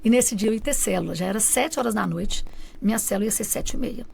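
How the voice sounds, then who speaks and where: A woman of medium pitch talks quickly, with some vocal fry, while slight background noise is audible. She is a radio guest in the studio recounting an emotional personal story, animatedly voicing what her family and friends told her.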